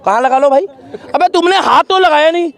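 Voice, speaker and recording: A man's voice: very high-pitched, fairly quick, fairly bright tone. A man arguing in a street debate, mocking and acting out little scenes with quoted voices. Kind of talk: heated street argument.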